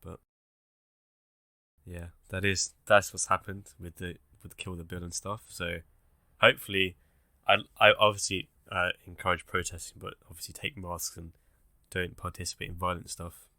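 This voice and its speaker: A young man with a very low, bright, forceful voice co-hosts a podcast, talking in loose, rambling bursts. The sound is dry and close, with no room around it. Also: normal speed, no room sound. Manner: rambling, animated, swears casually. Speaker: podcast co-host. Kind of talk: casual chat.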